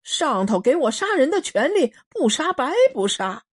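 A woman's voice: mid-range voice, sing-song, moderate pace. A woman voicing a ruthless male militia commander who talks with cold, sneering contempt, in a storybook reading.

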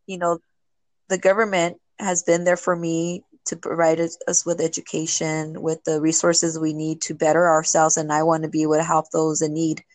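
Woman interviewee, social worker type; earnest and halting, low-pitched, dry sound. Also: completely flat delivery, no echo. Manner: earnest, halting, many restarts. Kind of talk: emotional interview talk.

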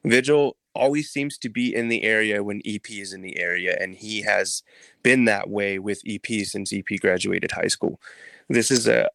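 A man, a podcast guest, retelling a story in a casual, animated way and laughing often. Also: fairly low pitch, normal speed, vocal fry, no room sound.

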